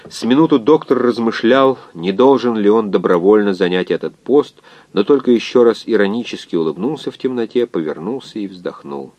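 A man narrating a science fiction novel in an expressive, measured reading. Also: on the low side, dry recording, dull audio. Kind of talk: scripted audiobook narration.

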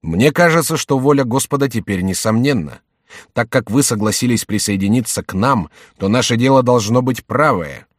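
A commanding, scheming noble duke addressing a secret gathering in solemn, persuasive tones, as a male narrator puts him on. The voice sits a little higher and louder than the reader's plain narration. The recording is dry and close, with no room sound. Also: animated, normal speed, no room sound, close to an everyday voice. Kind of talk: audiobook reading.

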